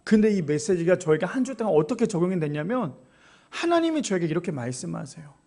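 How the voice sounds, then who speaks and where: A man in his thirties delivers an emotional sermon to his congregation. His voice sits very high and moves with a lively, wide-ranging melody. He speaks to the listeners directly, pressing his point home with feeling. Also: fast. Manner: emotional, rising to loud exclamations when quoting God. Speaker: pastor.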